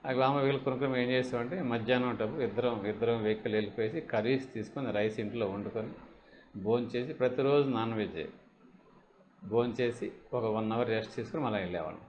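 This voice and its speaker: A man's voice: mid-range voice, quick pace, a little hiss or hum. A man talking emphatically about a colleague's rise in real estate, repeating phrases and acting out quoted dialogue. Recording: dull lo-fi audio with faint ambience.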